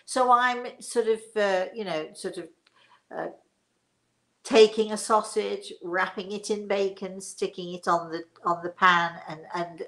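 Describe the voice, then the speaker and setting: Speaking in a lowish voice with vocal fry and a slightly bright tone, a middle-aged woman from England hosts a live story session indoors in her living room. She has an English accent and rambles through casual chat and personal anecdotes, chuckling as she goes.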